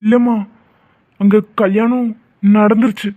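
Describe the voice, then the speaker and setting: A woman voicing a calm young man in a cartoon, speaking in a gentle, consoling way. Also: a little high, a little slow, phone-quality sound, natural voice. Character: calm young man comforting his family.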